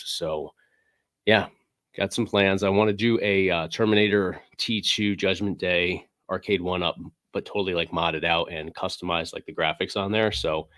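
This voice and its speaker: His voice is deep and a bit bright, captured dry with studio quality through a desk mic. He's a man running a laid-back game-room livestream while still shaking off a cold, sniffling, wandering off on tangents, filling gaps with fillers, and reading chat out loud.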